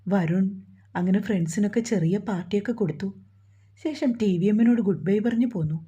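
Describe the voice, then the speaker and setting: A woman reads a romantic story aloud, soft and intimate. Her voice is very husky and breathy, dark and mellow in tone, on a dull lo-fi recording. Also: mid-range voice, a little fast.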